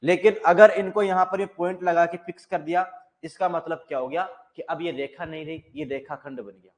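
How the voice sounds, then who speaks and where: A male maths teacher talks through a lesson in a fairly high voice. He explains each point step by step and often asks the class a question before he answers it himself. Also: steady tone, brisk. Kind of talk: classroom lecture.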